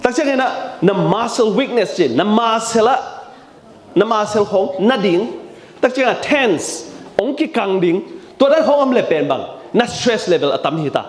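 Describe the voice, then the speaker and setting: Male preacher, high and very animated, repetitive emphatic delivery, mixes in English words, roomy echo. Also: a little slow. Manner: mixes English terms into his speech. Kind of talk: sermon. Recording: echoey room.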